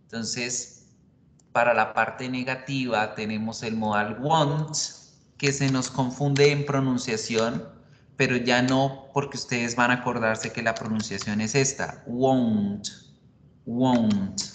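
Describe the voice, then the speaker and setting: Slow-talking man teacher in an echoey room. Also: medium pitch, fairly bright tone, a little hiss or hum. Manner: slow, repetitive drilling of pronunciation. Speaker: English teacher. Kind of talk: classroom commentary on a video.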